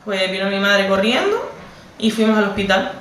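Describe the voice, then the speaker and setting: A woman's voice: mid-range voice, big pitch swings, normal speed, a bit bright, far from the mic, a little hiss or hum. A young woman with a Canarian Spanish accent retelling a personal story to camera in an emotional, repetitive, conversational way. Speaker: vlogger. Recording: roomy, set back from the mic.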